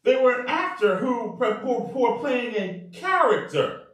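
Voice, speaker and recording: A male pastor preaching a sermon in an animated way, calling out to the congregation for responses. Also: extremely high pitch, measured pace. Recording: very echoey room, mic far off.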